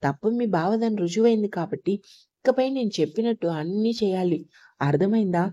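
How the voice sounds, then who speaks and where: A woman voicing a domineering, angry young husband in a story reading, in a mellow voice. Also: medium pitch, normal speed, natural voice. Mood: menacing. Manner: cold and threatening.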